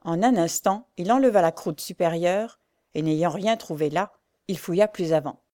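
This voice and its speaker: Woman reading a story, low voice. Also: normal speed, mellow, no echo, clean studio sound. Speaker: narrator.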